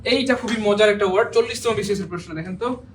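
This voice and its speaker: A man's voice: high voice, fast. A male teacher, leading an exam-prep grammar class and quizzing students with repeated questions and jokes.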